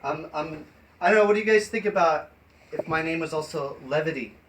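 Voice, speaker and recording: A man hosts and performs on an improvised live stream, chatting and explaining things in a rambling, hesitant manner. His voice is a little high and a bit bright, his pace brisk, and the stream is noisy with ambient sound.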